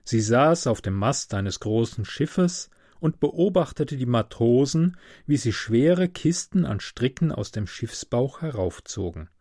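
A man reading a fairy tale aloud in a calm, unhurried storybook manner. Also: medium pitch, dry recording, studio quality.

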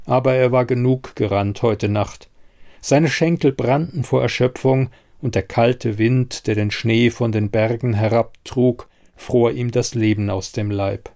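A man narrating a dark fantasy audiobook in a measured, grave storytelling manner. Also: medium pitch, fairly even intonation.

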